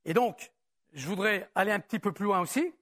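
A man's voice: sits high, lively intonation, a bit bright. Conversational man preaching a sermon. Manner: conversational preaching with rhetorical questions, switching between tu and vous; reads scripture aloud in a slower, measured voice. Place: church service.

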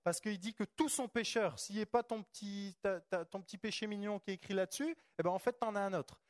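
A man's voice: high-pitched, brisk, no room sound, studio quality. A man preaching a charismatic church sermon, fervent and repetitive, putting rhetorical questions to the congregation.

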